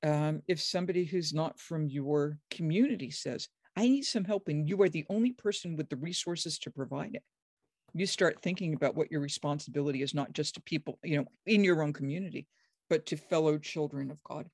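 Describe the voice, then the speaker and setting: A biblical scholar, middle-aged or older, talking with enthusiasm and emphasis and breaking into high, acted quotes. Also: brisk, darkish tone, no echo, studio quality. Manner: acts out quoted speech with sudden high pitch jumps; emphatic, enthusiastic, frequent restarts. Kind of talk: animated explanatory conversation.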